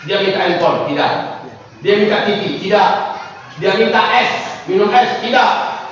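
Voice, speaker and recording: A man's voice: high-pitched, a little slow, fairly bright tone, some chatter behind, slight background noise. A middle-aged man preaching a sermon, emphatic and joking with the audience, acting out parents and children. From Minangkabau, West Sumatra. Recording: echoey hall, distant mic, dull sound.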